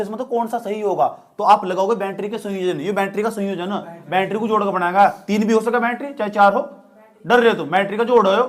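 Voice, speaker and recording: A young man teaching a classroom physics lesson, joking and teasing his students as he explains. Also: high-pitched. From India. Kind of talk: classroom lecture.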